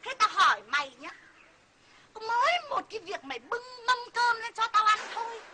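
A woman playing a brutish, bossy husband who shouts and scolds his wife. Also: extremely high pitch, expressive, a little fast, very noisy. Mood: bullying. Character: brutish bullying husband, adult man.

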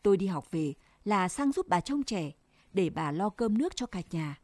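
A woman reading a first-person story aloud in a gentle, measured way. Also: medium pitch, very animated, no echo.

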